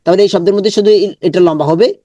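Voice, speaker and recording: Male Quran tutor, fairly high voice, dry close sound, patient syllable-by-syllable drilling and slow chanted recitation. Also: warm tone, no room sound, dull audio. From Bangladesh. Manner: chants the Arabic verse slowly and drawn out. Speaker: Quran teacher. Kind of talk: online Quran recitation lesson.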